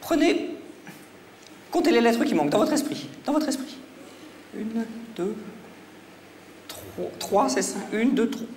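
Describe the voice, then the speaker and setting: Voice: medium pitch, sing-song, moderate pace, long pauses, darkish tone. A stage mentalist comedian running a mind-reading routine with audience volunteers, in mock-serious teasing patter that often stumbles and restarts. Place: stage before a live audience. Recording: echoey hall with faint crowd.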